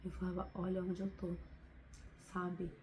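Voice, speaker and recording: A woman's voice: lowish voice, completely flat delivery, unhurried, mellow, slight background noise, poor audio. A woman with a Brazilian Portuguese accent, talking to camera in an unscripted, heartfelt motivational vlog, often adding little tag questions. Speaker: vlogger.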